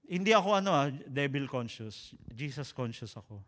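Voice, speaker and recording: A man with a Filipino accent preaching a sermon, an animated, joking storyteller who slips between Tagalog and English. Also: medium pitch, moderate pace, big-room sound.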